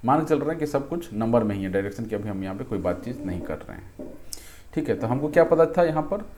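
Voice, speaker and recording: In an animated mid-range voice with a darkish tone, a man teaches physics at a board at a quick pace, with a little hiss or hum on the recording. He talks it through conversationally, thinking aloud, often asking questions to check in, and correcting himself as he goes.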